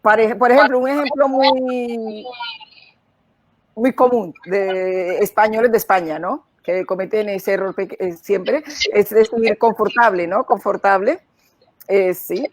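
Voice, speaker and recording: A woman's voice: medium pitch, a little slow, no echo. A woman, a guest in an interview, explaining and laughing as she recounts stories. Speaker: guest, coach and former English teacher. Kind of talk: casual interview chat.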